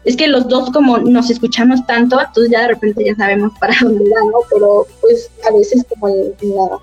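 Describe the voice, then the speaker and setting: A woman's voice: fairly high pitch, animated, moderate pace, gravelly, darkish tone, husky, faint music behind, poor audio. A woman, a voice actress, chatting casually and laughing often as she tells stories. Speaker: voice actress guest. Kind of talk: casual chat.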